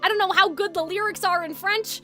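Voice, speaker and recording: Faint music sits under this woman's very high, sharp voice, which moves briskly with fairly even intonation. She's a game livestreamer rambling informally and opinionatedly to her viewers, sounding a little phlegmy and congested.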